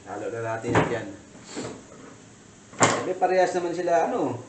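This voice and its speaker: A man's voice: a little high, expressive, normal speed, roomy sound, recorded from a distance, very noisy. A man from the Philippines who vlogs about cooking, telling a rambling story in a casual chat while he cooks in a kitchen. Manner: rambling storytelling with many fillers. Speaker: cooking vlogger.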